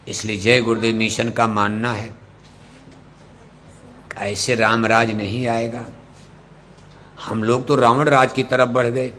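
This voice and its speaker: A man preaching a devotional sermon into a microphone, firing off rhetorical questions and leading the crowd in shouted call-and-response. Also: medium pitch, slight background noise. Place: open gathering before a large audience.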